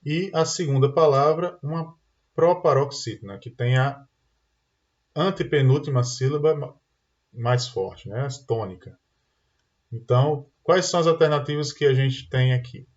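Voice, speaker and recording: This online exam-prep lesson is led by a Brazilian Portuguese-accented man whose mid-range voice moves at an unhurried pace. His step-by-step explanations are peppered with the tag questions "tá?" and "né?", captured in dull, lo-fi audio.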